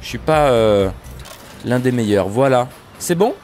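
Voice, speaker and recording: A man giving casual, joking commentary while playing a bus driving game, with his voice jumping up in pitch when excited. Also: a little slow, soft background music. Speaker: gaming video creator.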